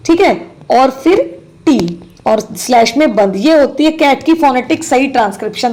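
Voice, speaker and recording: A woman walks students through an answer key. She reads each English sentence slowly and deliberately, then explains it in Hindi. She keeps checking whether they follow her. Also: high-pitched, darkish tone. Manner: explains each item then repeats the answer, asks "clear?". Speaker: exam-prep English teacher.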